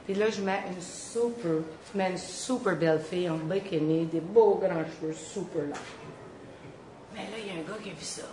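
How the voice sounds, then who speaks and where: A woman with a Quebec French accent giving a humorous storytelling talk to an audience. She is animated, acts out the voices she quotes and laughs often. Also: lowish voice, normal speed, slight background noise. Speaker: speaker, special education trainer. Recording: echoey hall, mic at a distance.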